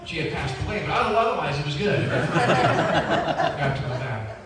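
Man, northern US accent, music minister, folksy and jokey, slightly high voice, very echoey church from a distance. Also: big pitch swings, normal speed, very noisy. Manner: jokey, folksy, drawing the audience in. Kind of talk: casual church stage talk. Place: church sanctuary.

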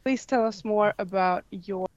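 A woman's voice: medium pitch, a little slow, darkish tone, lo-fi sound, a little hiss or hum. A woman moderating a panel discussion, friendly and slightly hesitant.

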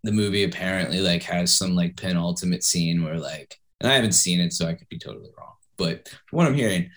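A man's voice: deep voice, quick pace, fairly bright tone. A man co-hosting a podcast in casual chat, blunt and profane with lots of fillers.

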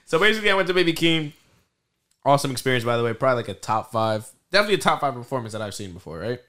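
A young man with a bright, forceful voice talks like a frat bro. He tells an animated story in loose, casual slang, swearing freely and addressing his friends as bro. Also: medium pitch, rapid-fire. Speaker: podcast host. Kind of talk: casual chat, animated anecdote.

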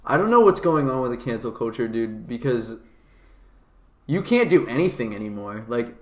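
A young man co-hosting a casual podcast, talking fast and swearing often, with "dude" in nearly every sentence. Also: mid-range voice, sing-song, roomy sound. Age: young adult. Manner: fast-talking and profane, says "dude" a lot. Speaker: podcast co-host. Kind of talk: casual chat.

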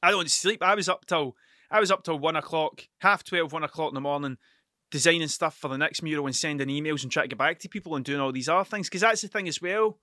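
A man's voice: on the high side, fast talker, pushed and bright, no echo, clean studio sound. A tired man rambling through a solo podcast, swearing often and stuttering over his words. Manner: sweary, stuttering, restarts sentences. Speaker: podcast host and mural painter.

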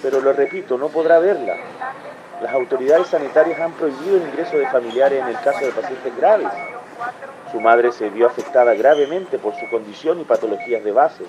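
A man's voice: medium pitch, a little fast, noisy background, lightly acted. An actor playing a male hospital doctor who gives bad news by phone, firm, patient and formal, in a radio drama. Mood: solemn.

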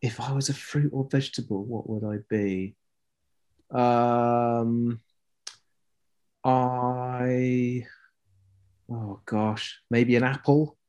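A man chatting as a podcast guest, playful and self-deprecating, often pausing and restarting. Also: medium pitch, steady tone, darkish tone. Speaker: guest, weather presenter. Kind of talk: casual podcast chat.

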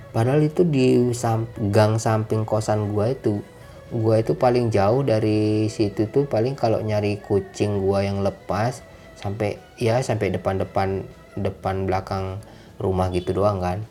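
Young man, casual storytime, slangy and animated, low warm voice, faint music behind. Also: measured pace. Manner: animated, slangy, acts out dialogue.

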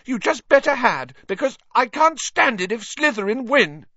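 An emotional, bookish teenage girl from a storybook, acted out by a man, pitched high and shrill. The delivery swings widely and carries a fierce, upset edge. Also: big pitch swings, moderate pace, sharp tone, dry recording, dull audio, full character voice. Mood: shrill, urgent.

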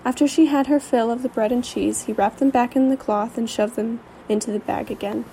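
Woman narrator, low mellow tone with fry, reads storybook prose with the odd stumble. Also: fairly even intonation, brisk, a little hiss or hum, low-quality recording. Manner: reads aloud with occasional slips and restarts. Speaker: reader.

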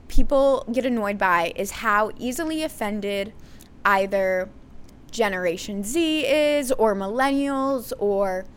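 A woman with a medium-pitched, slightly bright voice hosts a solo podcast, speaking candidly and conversationally. She uses lots of fillers and restarts and describes herself as having a sarcastic streak.

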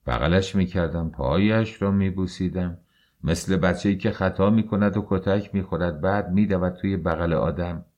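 A man's voice: sits low, a little mellow, lo-fi sound. A man narrating a novel as an audiobook, telling it in the first person with strong emotion.

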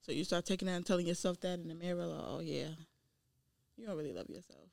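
A young woman guest in a podcast, speaking quietly and plainly in casual chat. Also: on the low side, fast talker, vocal fry, dry recording, studio quality.

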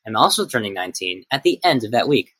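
A man in his late teens co-hosting a podcast, dry and deadpan as he corrects his friend in casual chat. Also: on the low side, quick pace, breathy edge, no echo, poor audio. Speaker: podcast co-host.

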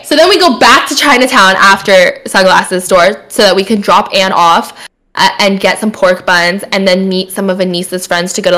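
A young woman telling a long story in a casual chat, laughing often and acting out what people said. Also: mid-range voice. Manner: animated, laughs often, acts out quotes.

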